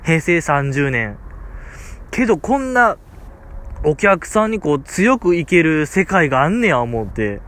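A man's voice: a little high, very animated, measured pace, fairly bright tone. A man with a Kansai accent who tells a casual story on a podcast, rambling with many fillers. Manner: rambling, filler-heavy, amused. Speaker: podcast host.

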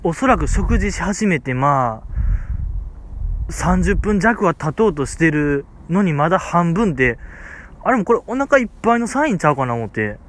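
A man's voice: a little high, very animated, moderate pace, a bit bright, slight background noise. A man with a Kansai accent who tells a casual story on a podcast, rambling with many fillers. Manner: rambling, filler-heavy, amused. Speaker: podcast host.

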